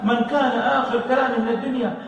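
A man preaching an emotional sermon, telling a story and swinging between loud pleading and hushed tones. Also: very high-pitched, fairly even intonation, fast talker, gravelly. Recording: echoey hall, distant mic, faint noise.

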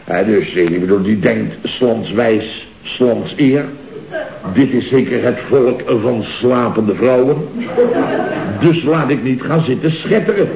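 A rambling, jovial boss. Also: male voice, medium pitch, takes it slowly, vocal fry, darkish tone. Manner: rambling, jovial storytelling with many asides. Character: chatty boastful male construction firm boss. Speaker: boss of a contracting firm. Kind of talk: 1960s radio comedy acting. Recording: dull, roomy old radio recording.

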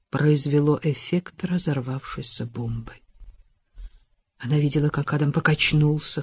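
A woman narrates a romance novel at a slow, unhurried pace. Her voice is husky and breathy, with a plain middle pitch. The recording is dry and close, with no room sound. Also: darkish tone, no echo. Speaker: audiobook narrator.

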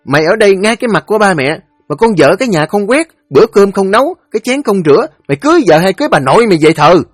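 A woman's voice: mid-range voice, very animated, fast, no room sound, clean studio sound, faint music behind, voice pushed up. A man voicing a fierce unmarried older sister, berating harshly. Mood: furious.

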